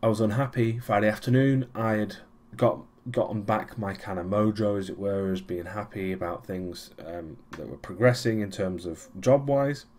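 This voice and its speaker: A man's voice: fairly low pitch, moderate pace, hardly any pauses, darkish tone. A young man giving a casual weekly vlog recap, rambling with many ums and restarts and a dry, sarcastic streak. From Europe. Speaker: vlogger.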